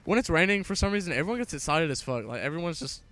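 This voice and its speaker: A late-teen gaming vlogger races through a profane, rambling school story over his gameplay, casually backtracking and restarting. His voice is on the high side and a bit bright, with lively intonation.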